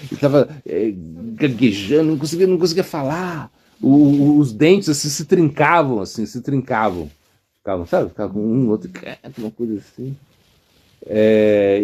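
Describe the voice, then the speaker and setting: Lively Brazilian monk telling a story. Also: male voice, mid-range voice. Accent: Brazilian Portuguese. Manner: animated, acts out voices in the story, many fillers. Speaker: monk and spiritual teacher. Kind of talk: storytelling religious talk.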